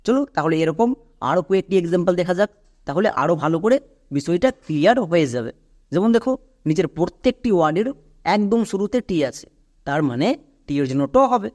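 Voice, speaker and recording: High-voiced man teaching pronunciation. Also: darkish tone. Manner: patient, repeats and spells out letters. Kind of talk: tutorial explanation.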